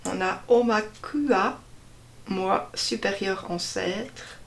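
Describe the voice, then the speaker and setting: A woman slowly presenting a deck of cards one by one, hesitating often and stressing each card name. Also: medium pitch, vocal fry, slight background noise. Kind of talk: casual card unboxing walkthrough.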